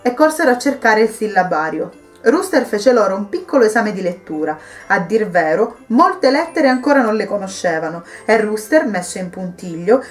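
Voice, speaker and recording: Lady reading a christmas tale, calm and even, soft music playing under her. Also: mid-range voice. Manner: calm, measured storytelling. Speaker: storyteller. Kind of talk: reading a Christmas story aloud. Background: soft background music.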